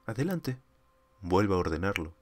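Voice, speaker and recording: A man's voice: deep voice, sing-song, normal speed, voice pushed up. A man voicing a defiant male crewman who talks in a taunting, scornful, insolent manner.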